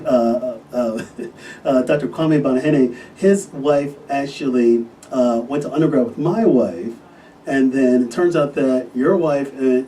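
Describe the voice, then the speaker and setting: A man's voice: medium pitch, warm tone. Enthusiastic man hosting a podcast. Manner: enthusiastic, rambling with fillers. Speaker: podcast host, physician. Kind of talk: casual podcast interview. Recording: distant mic with faint noise.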